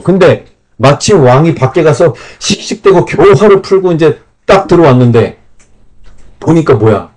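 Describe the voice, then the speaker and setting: A man teaching at a Bible camp, retelling a scripture story in a lively, colloquial way and acting out the scenes as he goes. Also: fairly high pitch, poor audio.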